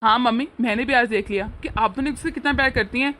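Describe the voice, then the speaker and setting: A woman voicing a young married son who earnestly pleads with and lectures his family in an animated family drama. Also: fairly high pitch, very fast, a little hiss or hum. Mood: lecturing.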